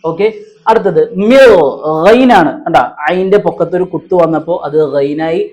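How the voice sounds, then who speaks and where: A man's voice: expressive, a little mellow. Male teacher spelling letters. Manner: rises in pitch and slows when spelling letters, casual aside elsewhere. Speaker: Quran recitation teacher. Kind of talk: explaining and spelling out letters for students. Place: studio classroom with a board.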